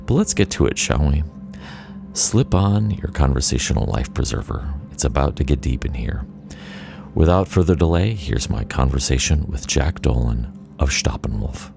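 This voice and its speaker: A man hosting a music podcast, reading a polished introduction and then chatting with his guest in a relaxed way. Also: rumbling low, normal speed, vocal fry. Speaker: podcast host. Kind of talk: podcast interview.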